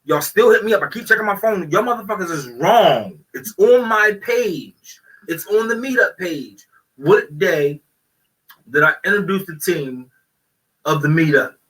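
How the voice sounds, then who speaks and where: A man hosting a talk show, excitable and profane. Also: high-pitched, measured pace, far from the mic, rough recording. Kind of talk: casual chat.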